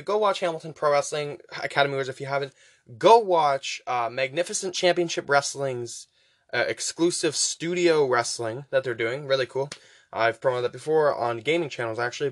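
Male podcaster with soft, w-like Rs. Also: medium pitch, no room sound. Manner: weak R sounds, pronounced close to W; chatty, urging listeners on with repeated phrases. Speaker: podcast host. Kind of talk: casual rambling podcast talk.

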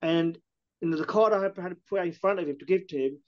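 A fast-talking man with a high-sitting voice, recorded with lo-fi sound, owns a catering company. In a casual interview he's chatty, keeps restarting, and passes along his customers' remarks.

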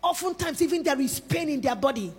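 A woman preaches with a high, bright-pitched voice, pressing her points home with emphasis. She calls on the congregation to lift their hands and repeat after her. Her voice rings out with a long reverb through a large hall. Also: expressive, a little fast. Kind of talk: sermon.

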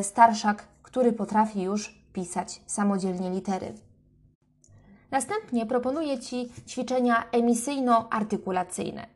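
A woman speech therapist calmly explaining language games for parents to play with their children, with short fillers between phrases. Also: medium pitch. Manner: calm, clear explaining with fillers. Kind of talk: instructional talk to parents.

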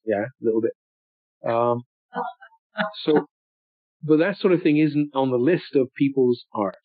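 An older man reminiscing in a rambling, thoughtful way, with many pauses and restarts. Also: medium pitch, husky, no echo. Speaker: interviewee. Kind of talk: reflective storytelling. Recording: tinny phone-like audio.

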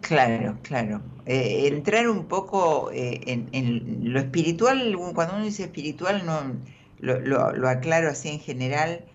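A fortune teller with an Argentine accent talks through a tarot reading in conversation. The pitch sits in the middle, and the radio audio is dull and lo-fi. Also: lively intonation, a little slow, slight background noise. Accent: Argentine Spanish. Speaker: radio tarot reader and host.

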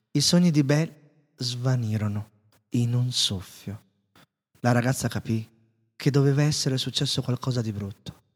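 A man narrating a storybook in a calm, measured way. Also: medium pitch. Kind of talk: storybook reading. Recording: reverberant room.

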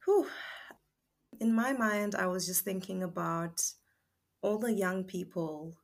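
A woman with a Zimbabwean accent co-hosting a podcast, speaking in a thoughtful, measured way. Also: on the low side, steady tone, vocal fry. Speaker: podcast co-host. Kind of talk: casual discussion.

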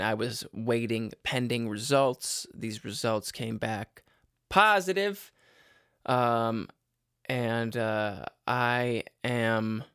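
A man hosting his own podcast, tired and unwell, talking in a low-energy, rambling way with lots of fillers and restarts. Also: creaky, fairly bright tone, no room sound, clean studio sound. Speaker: podcast host. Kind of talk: casual solo podcast update.

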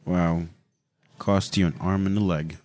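A man with a deep voice reacts as a listener in casual chat. He often echoes phrases back after hearing them. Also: steady tone, unhurried, darkish tone. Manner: echoes what he hears back.

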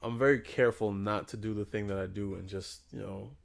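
A man's voice: lowish voice, fairly even intonation, fairly quick, vocal fry, slight background noise. A young adult man co-hosting a podcast, giving blunt, profane, joking opinions in casual chat. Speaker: podcast co-host.

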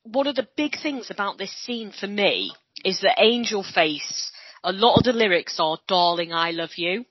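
This Welsh-accented podcast co-host from Wales has a husky, medium-pitched voice at a normal speed. She earnestly lays out her points at length during casual chat, and the dull, dry lo-fi recording has no room sound.

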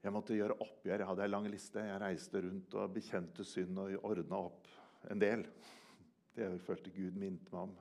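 An older man preaching a sermon in a church, earnest, swinging from loud emphasis to hushed quiet. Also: sits low, little pitch movement. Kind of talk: sermon with personal testimony.

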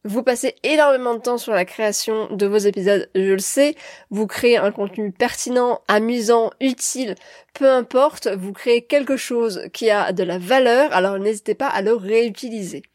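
A woman's voice: fairly high pitch, moderate pace, a little mellow, no echo, studio quality. A woman hosting a podcast, talking upbeat and straight to her listeners. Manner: upbeat, direct address to listeners. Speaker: podcast host. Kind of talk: scripted podcast talk.

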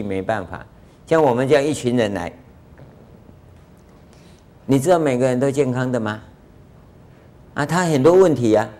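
An older man gives a Buddhist dharma lecture in a conversational way, full of rhetorical questions and drawn-out filler sounds. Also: medium pitch, darkish tone. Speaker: Buddhist master giving a lecture.

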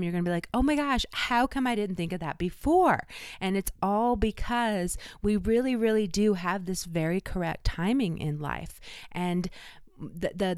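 A woman's voice: lowish voice, darkish tone, clean tone, no room sound, clean studio sound. A woman with a slight cold, chatting casually and enthusiastically to viewers as an astrologer. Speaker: astrologer giving a forecast.

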